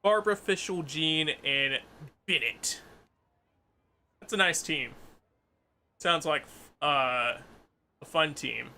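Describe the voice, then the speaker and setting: A man's voice: fairly high pitch, takes it slowly, long pauses, bright, forceful tone. A man livestreaming a video game, chatting casually and reacting aloud in informal, slangy talk. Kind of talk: casual chatty stream commentary. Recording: faint game music behind.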